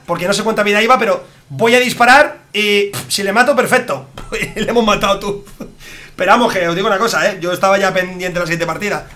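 A young man with a Spain Spanish accent, commentating his gameplay to viewers in a chatty, slangy, excitable way. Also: high voice. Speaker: gaming streamer. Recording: loud game music behind.

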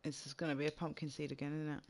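A man's voice: on the high side, level tone, very fast. A man with a slight lisp streaming a fishing game, chatting casually with friends and stumbling over words now and then. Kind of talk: casual gaming chat.

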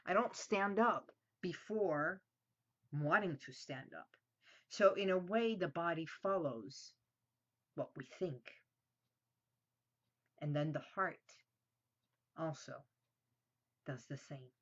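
A host in her fifties, originally from Iran and a native Armenian speaker, gives a reflective talk to camera from a small room at home. Her voice is low, soft and slow, trailing off at the ends of phrases, and the sound is lo-fi.

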